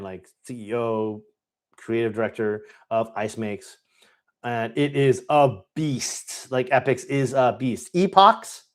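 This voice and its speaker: A man hosting a casual live-stream question-and-answer session, speaking with eager enthusiasm. He rambles freely and often stops to correct himself mid-sentence. His voice sits at an ordinary middle pitch. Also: darkish tone. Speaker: host.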